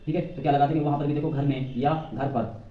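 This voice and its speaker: A male English grammar teacher with a Hindi accent who explains rules at a board. He keeps saying "ठीक है" and slows right down to dictate example sentences. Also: on the high side, fairly even intonation, distant mic, narrow, tinny audio. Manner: repeats "ठीक है" constantly, dictates sentences slowly. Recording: roomy, off-mic, faint background noise.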